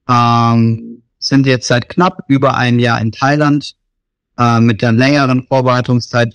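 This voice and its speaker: A man in his thirties from Germany, working as a missionary, answers interview questions in a relaxed, hesitant way. His pitch is average, and the recording is dry and close. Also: dry recording. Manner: relaxed, filler-heavy talk.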